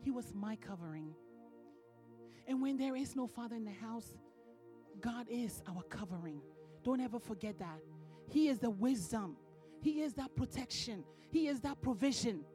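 High-voiced woman minister preaching. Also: lively intonation, moderate pace, dark tone, faint music behind. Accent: non-American English. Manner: preaching with rising emphasis and laughter. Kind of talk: sermon. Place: church.

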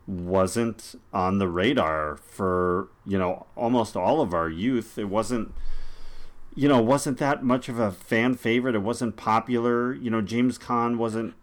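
Man, forties, podcast host, lowish voice, chatty, laughs a lot, rambling. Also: unhurried. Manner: laughs often, rambling with fillers. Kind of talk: casual film podcast chat.

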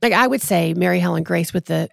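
A woman in her forties, a podcast guest, telling a personal story in a casual, animated way and acting out what others said. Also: lowish voice, quick pace, vocal fry, no room sound, studio quality. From Texas. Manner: animated, acts out quoted voices.

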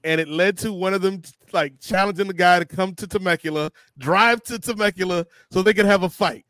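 Higher-pitched podcast host, dry sound. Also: male voice, a little fast, a bit bright, no echo. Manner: rambling, joking, laughs at his own jokes. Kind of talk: casual chat.

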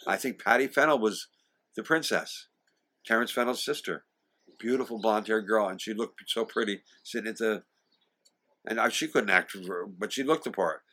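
This is a man in his sixties, a singer and actor appearing as an interview guest, speaking at a moderate pace in a fairly low, bright, forceful voice. He reminisces, sometimes stuttering and restarting, and acts out the voices of the people he quotes.

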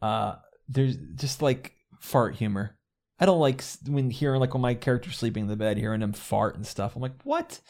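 A man's voice: mid-range voice, moderate pace. A man with a mid-range voice chats as a podcast guest. He rambles through stories with lots of energy and laughs often, in a loose, casual back-and-forth. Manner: animated, rambling storyteller who laughs often. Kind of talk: casual gaming podcast chat.

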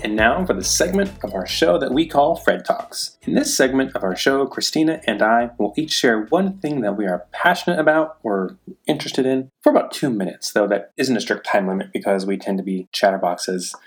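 A man's voice: mid-range voice, expressive, moderate pace, soft background music. A man hosting a podcast in a casual conversational style, introducing segments and chatting with his co-host.

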